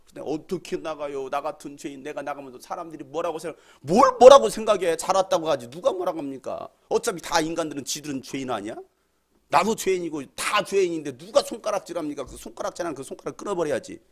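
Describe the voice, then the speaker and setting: A man with a Jeolla accent preaches to young people in a church hall, scolding them bluntly. His fairly high voice leaps around wildly, jumping from loud shouts down to low, muttered asides. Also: husky. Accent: Jeolla Korean. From Jeolla, Korea. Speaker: pastor. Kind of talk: fiery youth sermon.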